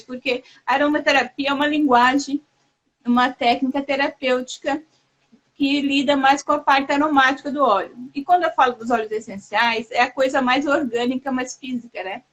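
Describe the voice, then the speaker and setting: A woman hosting a casual live chat, talking in a warm, halting way with many restarts and fillers. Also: high voice, low-quality recording. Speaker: host.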